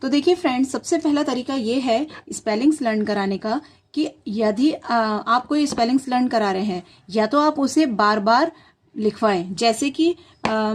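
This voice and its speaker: A woman hosting a tutorial channel, patiently explaining to parents how to teach children spelling, sounding out words letter by letter. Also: fairly high pitch.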